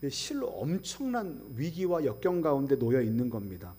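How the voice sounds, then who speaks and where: A middle-aged man preaching a sermon as pastor, asking the congregation rhetorical questions and swinging between loud emphatic scripture quotes and quiet asides. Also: mid-range voice, huge pitch swings, normal speed, husky.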